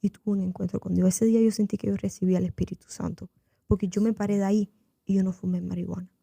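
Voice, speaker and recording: A woman's voice: medium pitch, little pitch movement, quick pace, vocal fry, dark tone, breathy edge, dry recording. A woman giving her personal faith testimony as a guest on a radio interview, telling her story earnestly, acting out the voices she quotes and dropping in English fillers. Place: radio studio.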